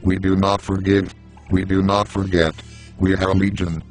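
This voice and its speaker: A man speaks through a disguised, pitch-lowered voice that sits very low and barely moves in pitch. He reads a formal scripted statement in a solemn, warning tone, with soft music playing underneath. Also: flat delivery, a little slow. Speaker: anonymous spokesman. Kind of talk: scripted statement read aloud.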